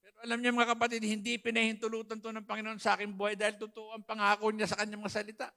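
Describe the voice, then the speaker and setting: A man's voice: high-pitched, monotone, very fast, gravelly, bright, forceful tone. A man, a pastor, giving an emotional sermon testimony and quoting scripture to the congregation. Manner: emotional, quotes scripture, addresses listeners as brothers and sisters.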